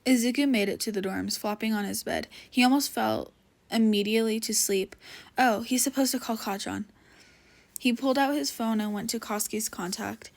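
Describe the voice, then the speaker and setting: A woman's voice: medium pitch, creaky. Woman casually reading a story aloud. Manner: plain, unpolished reading with small slips. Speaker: reader. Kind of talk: casual fan fiction read-aloud.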